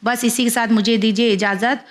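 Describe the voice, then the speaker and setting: A woman's voice: on the high side, steady tone, moderate pace. Woman patiently spelling out Arabic letters. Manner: patient, drills syllables one by one. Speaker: Quran reading teacher. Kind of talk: slow spelled-out letter-by-letter instruction.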